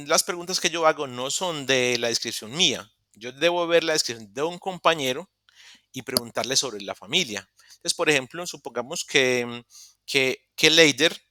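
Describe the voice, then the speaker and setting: Guy teaching english on a video class, bright voice, dry close sound, slow careful explaining. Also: medium pitch, dry recording. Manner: patient, explains step by step with pauses and self-corrections. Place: online meeting room.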